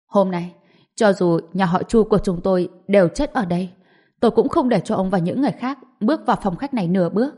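A badly hurt old clan patriarch in a storybook, voiced by a woman, stern and unbending. He speaks in quick, firm bursts over a mellow, warm tone. There is no give in him. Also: medium pitch, natural voice. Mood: stern defiant. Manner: stern, defiant. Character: wounded defiant old male clan grandfather.

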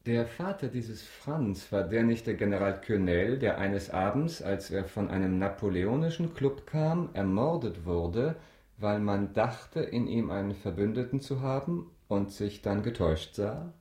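A man in a German radio drama playing a suave, ironic count, courtly and measured with a subtle mockery. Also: lowish voice, animated, mellow, echoey room. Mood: probing. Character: suave, ironic aristocratic count, coolly controlled avenger.

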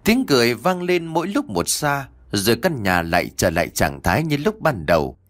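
A man's voice: mid-range voice, very animated, normal speed, no room sound. A man narrating a ghost story and voicing its characters himself. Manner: voices every character in quoted lines. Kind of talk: scripted horror story narration.

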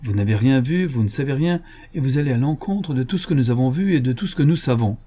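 A man's voice: medium pitch, lively intonation, fast talker, dark tone, breathy edge, voice pushed up. A man voicing an irritable, impatient aristocratic count in an audiobook, sneering at a guest's theory. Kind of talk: audiobook character reading.

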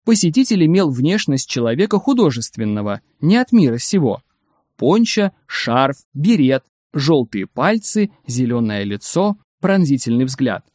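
A man narrating a short story in a wry, expressive reading. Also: mid-range voice, measured pace, no echo, studio quality.

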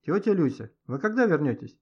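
Male narrator doing an excitable schoolboy, loud and eager, lively husky voice, lo-fi audio. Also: a little high, fairly quick. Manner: shouting eagerly. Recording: dull lo-fi audio.

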